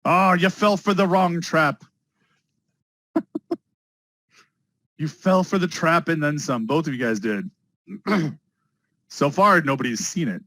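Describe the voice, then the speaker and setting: A man teaching a test prep class live, energetic and talking straight to his students, often repeating key words. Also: a little high, slow pace, pauses often, dry recording, poor audio. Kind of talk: live online class lecture.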